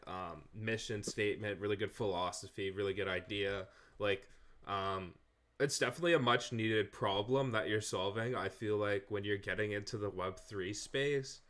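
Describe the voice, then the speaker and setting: A man's voice: fairly low pitch, a bit bright. A man hosting a casual interview over a video call, friendly and encouraging, with fillers as he asks questions. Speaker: interview host.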